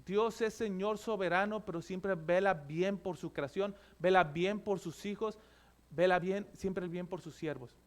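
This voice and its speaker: A pastor preaches a sermon in a high, light male voice. He explains word meanings and calls his listeners brothers. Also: unhurried.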